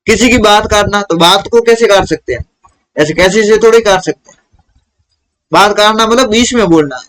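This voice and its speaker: A man's voice: high voice, poor audio. A man teaching a primary school lesson to children, who asks questions and answers them himself.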